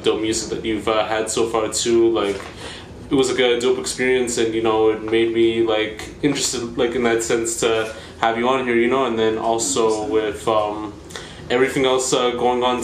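A young male host with a mid-pitched voice poses long, meandering questions packed with filler words. The room around him is echoey, with faint background noise. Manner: rambling, heavy use of filler "like". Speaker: interview host. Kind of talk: casual interview questions.

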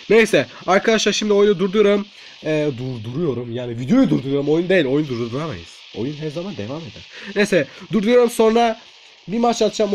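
A young man hosting his gaming channel, giving excitable let's-play commentary, swearing, pleading and shouting at the game. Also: on the high side, slight background noise, poor audio.

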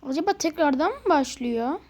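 A woman's voice: high voice, animated, normal speed, darkish tone. A young woman talking through a game she is playing, muttering in frustration and making playful sound effects. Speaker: gaming video creator. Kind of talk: casual gameplay commentary.

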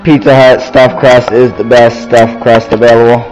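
Talking into a nearby handheld camera, a teenage young man delivers casual vlog chatter full of slang and swearing. His voice is medium in pitch with little movement, a darkish tone, and a normal pace. The noisy handheld recording sounds dull, with faint music behind him.

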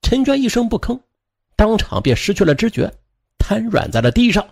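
Man, crime story narration, husky, expressive swings in pitch, casual fillers. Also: moderate pace. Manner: lively, with frequent fillers and moralizing asides.

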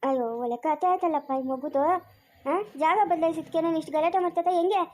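Playing an anxious, argumentative villager in a homemade family drama, she speaks quickly in a very high voice with a rural Chikkaballapur Kannada accent. She scolds, exclaims and keeps repeating her questions.

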